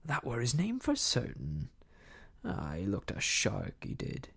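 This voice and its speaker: A man performing a crafty one-legged sea cook turned tavern keeper in a classic adventure tale. He blusters in salty sailor talk with a husky, breathy edge, his pitch leaping and plunging dramatically between heartiness and menace. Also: huge pitch swings, a little slow, a little mellow, heavily acted. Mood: excited. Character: cunning one-legged seafaring tavern landlord, hearty then stern.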